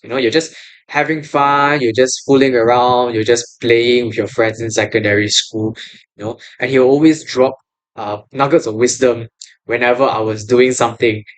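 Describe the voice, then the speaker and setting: A man's voice: medium pitch, steady tone, normal speed, low-quality recording. Malaysian guy in his 20s doing his own podcast, earnest and encouraging, lots of uhs and you knows. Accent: Malaysian English. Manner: earnest, encouraging, rambling with many fillers. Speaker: podcast host. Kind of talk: casual podcast monologue.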